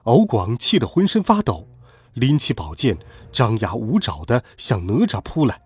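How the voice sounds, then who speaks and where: A man telling a classic myth as scripted storybook narration, dramatic and expressive. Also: medium pitch, moderate pace, slightly rough, dry recording.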